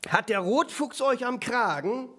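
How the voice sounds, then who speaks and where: A man's voice: very high-pitched, lively intonation, unhurried, bright, forceful tone, pitched above the performer's own voice, exaggerated voice. A man voicing a stern male teacher at a rabbit school, giving an emphatic, theatrical warning.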